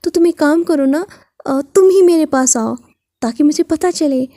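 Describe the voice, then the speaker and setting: A woman voicing a shy, innocent eighteen-year-old girl who speaks hesitantly, with many pauses. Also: high-pitched, dark tone, no echo. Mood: shy pleading.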